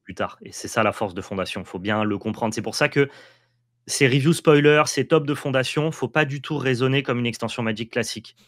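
A man co-hosting a casual card-game discussion, giving quick, assertive opinions. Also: medium pitch, no room sound, clean studio sound. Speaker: co-host.

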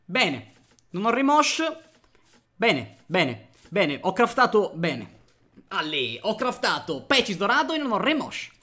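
Guy streaming from home, high bright voice, bouncy, thanks everyone one by one. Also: slow. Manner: lively, thanks viewers one by one. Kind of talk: live stream chat.

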